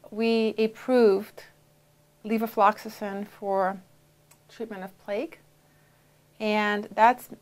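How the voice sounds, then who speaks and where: A woman in her forties, originally from Brazil, answering interview questions in a measured way with frequent pauses and fillers, on a lapel mic in a dark studio. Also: mid-range voice. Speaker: interviewee, FDA official.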